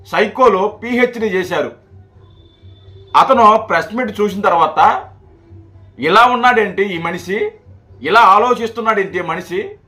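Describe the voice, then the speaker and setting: A man's voice: high-pitched, bright, forceful tone. A man giving heated, mocking political commentary on a video channel. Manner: mocking, scolding, repetitive.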